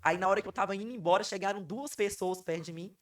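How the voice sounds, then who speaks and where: A woman's voice: medium pitch, fast, distant mic. A woman tells her own story as a podcast guest. She is emphatic and keeps repeating phrases to drive them home. She sits a little away from the microphone. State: hoarse. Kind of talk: emotional personal storytelling.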